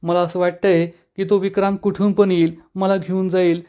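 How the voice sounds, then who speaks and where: A man's voice: high-pitched, level tone, normal speed, clean tone, highs cut off, pitched above the performer's own voice, natural voice. A man voicing a frightened young woman, speaking in a fearful, pleading way.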